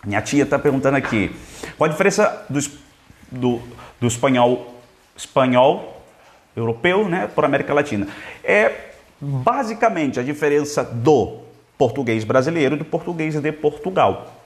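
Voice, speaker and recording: A man teaching Spanish on a phone live stream. His voice moves up and down with lively emphasis. He explains patiently and draws out single words so the listener can hear how they are pronounced. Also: mid-range voice. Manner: explains slowly, stretches words to show pronunciation. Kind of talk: live-streamed language lesson.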